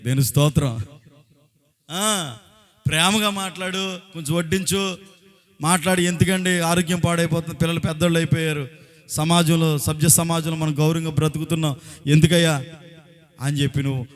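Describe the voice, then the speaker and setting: A man from Andhra Pradesh preaching as a pastor, exhorting the congregation with rhetorical questions in a colloquial way. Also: fairly high pitch. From Andhra Pradesh, India. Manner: exhorting, often breaking into short acted quotes and raising his voice. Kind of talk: sermon.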